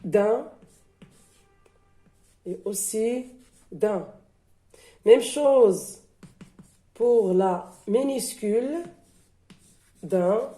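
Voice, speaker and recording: A woman's voice: medium pitch, extremely slow, pauses often, dark tone, soft background music. A woman teacher giving a reading lesson, spelling out letters one by one and repeating each sound. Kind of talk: slow syllable-by-syllable reading lesson.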